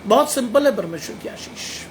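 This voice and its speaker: Blunt high-voiced preacher. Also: male voice, animated, moderate pace, creaky, a little hiss or hum. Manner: blunt, emphatic preaching with rhetorical questions. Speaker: pastor. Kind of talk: sermon.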